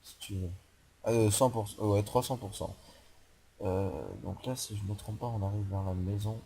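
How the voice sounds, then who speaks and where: A young man commenting on a horror game he is playing, rambling and joking, swearing and yelling when startled. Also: fairly low pitch, fairly even intonation, normal speed, a little hiss or hum. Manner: rambling, jokey, swears, yells at scares. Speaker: gaming youtuber.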